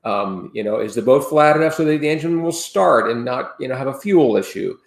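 This sixty-something man, a sailing expert on a video call from home, explains safety steps in a casual interview, rambling earnestly and restarting a lot. His mid-range voice is expressive and creaky, moving a little fast. The webcam picks up roomy audio indoors.

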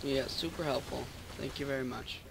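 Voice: medium pitch, fairly even intonation, moderate pace, gravelly, fairly bright tone, slight background noise, poor audio. A fellow player making dry, sarcastic remarks during a casual video game session. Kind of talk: casual gaming chat.

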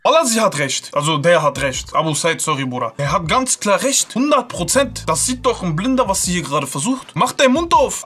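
A man's voice: high-pitched, bright, forceful tone, breathy edge. A man streaming a heated reaction commentary, mocking and blunt, full of street slang.

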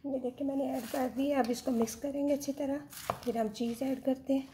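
A woman with a fairly high voice demonstrates a recipe in her home kitchen. She talks straight to her viewers, explaining each step in a friendly, chatty way and mixing in English words. A faint noise sits behind her voice. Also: fairly even intonation, brisk, warm tone. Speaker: home cooking channel host.

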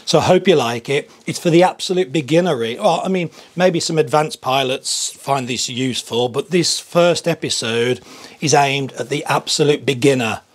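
A middle-aged man giving a relaxed paragliding lesson step by step on an open hillside, wearing a clip-on mic. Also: medium pitch, moderate pace, no echo. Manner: relaxed, chatty, explains step by step. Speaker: paragliding instructor. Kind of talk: outdoor tutorial. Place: open grassy hillside outdoors.

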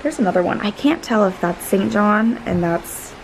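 A woman's voice: medium pitch, animated, normal speed, background noise. Chatty young woman vlogging to camera. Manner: chatty, filler-heavy, talking to camera. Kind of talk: casual travel vlog. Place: cruise ship cabin and outdoors. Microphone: handheld camera at arm's length.

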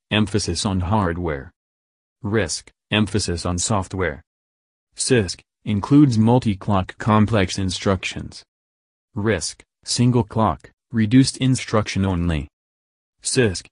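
A man giving scripted educational narration in a measured, even reading style, slowing down for list items. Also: fairly low pitch, dry recording, studio quality.

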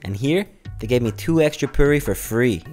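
A man from Canada narrating his food vlog in a measured, reflective scripted voice-over. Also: medium pitch, expressive, over music.

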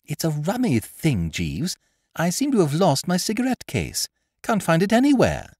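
A man voicing a breezy, chummy young gentleman of leisure who frets easily. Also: on the high side, wildly swooping pitch, normal speed, no echo, studio quality, pitched above the performer's own voice. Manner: breezy, chummy upper-class banter.

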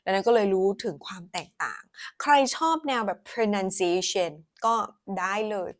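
A Thai woman giving a casual pronunciation lesson, switching between Thai and English and slowly modeling each word. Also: medium pitch.

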